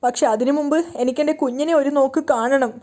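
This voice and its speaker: A desperate young father insists on his rights, earnest and stubborn, read by a woman narrator. The voice is fairly high and mellow, in a plain story-recap reading. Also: fairly even intonation, fast, natural voice. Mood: insistent.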